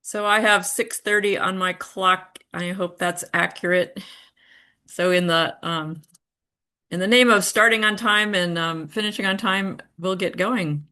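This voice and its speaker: A woman's voice: mid-range voice, steady tone, a little slow, bright, forceful tone. A woman hosting a virtual poetry reading from home over a video call, giving polite, orderly instructions with frequent ums. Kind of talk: organized welcome and event instructions. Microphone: computer mic on a video call.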